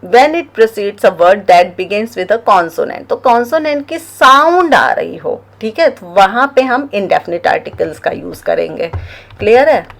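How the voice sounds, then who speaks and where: A woman's voice: fairly high pitch, gravelly, a bit bright. A woman with an Indian accent teaching a grammar lesson, explaining step by step and checking in often with her listeners. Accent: Indian English. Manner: explains slowly with frequent check-ins, reads English examples very slowly. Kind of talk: classroom-style grammar lesson.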